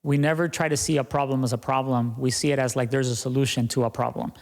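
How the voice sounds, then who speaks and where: A man's voice: medium pitch, fairly even intonation, fast talker, vocal fry, in a large hall. A young man talking earnestly as a podcast guest, often tagging his points with "right?". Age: young adult. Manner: earnest, repeats "right?" and "you know". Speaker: guest, business owner. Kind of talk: podcast interview.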